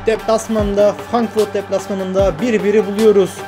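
An excitable young man commentates his own football game, urging his players on and muttering to himself. His voice sits high for a man. Game music plays clearly beneath him. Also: moderate pace. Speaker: gaming YouTuber.

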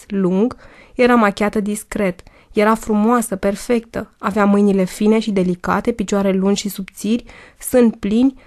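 A woman narrates an audiobook in the first person. Her delivery is wry and lively, set at a middle pitch.

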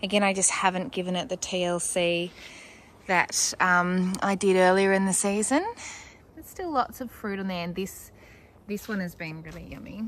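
A thirties-aged Australian woman films on a handheld phone while strolling through her backyard vegetable garden, chatting casually with fillers and little laughs. This gardening vlogger's voice is on the low side and a bit bright, at a moderate pace, with a little hiss or hum.

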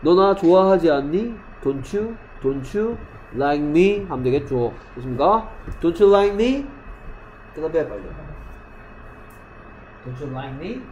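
A male English teacher in a classroom, quizzing students by name and slowly repeating English example sentences. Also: fairly high pitch, animated, a little mellow, a little hiss or hum. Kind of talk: classroom lesson.

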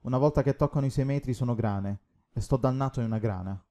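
A man reading the part of a gruff, blunt shark hunter who swears often, in an audiobook. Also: medium pitch, fast, dark tone, natural voice.

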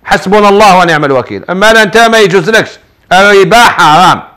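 Speaking fast in a high, expressive voice that sounds pushed, bright and clean, a middle-aged Algerian Arabic-accented sheikh preaches on his religious advice show. He takes viewer questions and tells stories in a colloquial, emphatic, repetitive way.

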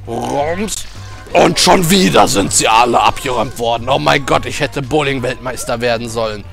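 A young man commentating a video game, fast, jokey and rambling. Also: medium pitch, creaky, fairly bright tone, soft background music. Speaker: let's play commentator. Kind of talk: casual gaming commentary.

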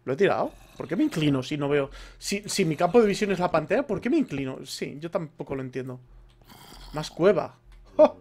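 Swearing Spaniard gamer muttering while playing. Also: male voice, a little high, very animated, brisk, darkish tone. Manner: swears a lot, mutters to himself. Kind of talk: let's play commentary.

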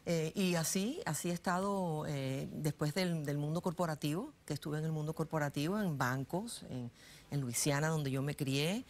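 A woman in her sixties, born in Cuba, talks on a lapel mic in a TV studio. Her voice sits low, and she speaks chattily, with many fillers and restarts. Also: normal speed. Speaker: guest, political analyst. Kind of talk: studio interview, personal story.

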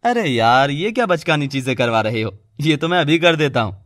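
A man's voice: a little high, expressive, brisk, fairly bright tone. A cocky college guy. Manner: boastful, brash. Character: cocky young college man.

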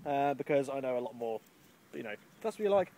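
A man's voice: medium pitch, animated, fast talker, dark tone. A man rambling casually in an outdoor vlog, chatty and self-deprecating, swearing now and then. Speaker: vlogger. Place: outdoors with wind.

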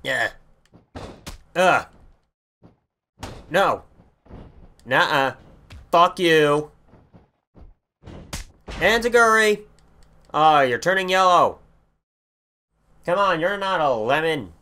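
A young man commentating a wrestling video game as he plays, excitable and full of profanity. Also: a little high, extremely slow, pauses often. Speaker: gaming channel host. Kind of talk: let's play commentary.

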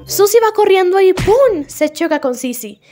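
A woman YouTuber giving chatty, jokey commentary on a game's story, retelling scenes with animated asides. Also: very high voice, normal speed, soft background music. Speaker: gaming YouTuber. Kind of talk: game story analysis commentary.

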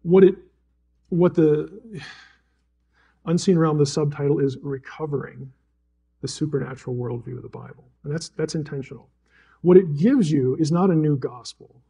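This Bible teacher addresses a fellowship gathering, animated in his storytelling and often restarting or chuckling. He talks at normal speed in a warm, slightly rough voice on the high side.

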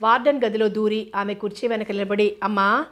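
A woman storyteller reading a story aloud, with even, steady narration. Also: mid-range voice, normal speed.

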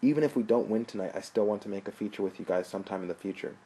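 A man's voice: on the low side, rapid-fire, mellow, breathy edge. A man voicing an earnest young filmmaker who speaks sincerely to his friends.

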